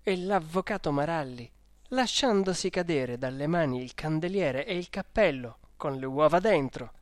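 An audiobook reader narrating a first-person diary story in a measured, even manner. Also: mid-range voice, dry recording, studio quality. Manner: slow, measured, even reading.

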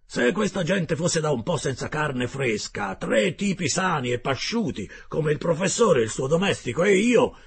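Booming hungry harpooner as a male narrator puts him on, slow and emphatic, raspy. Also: big pitch swings, full character voice. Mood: gruff. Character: blunt hungry male harpooner, loud and stubborn.

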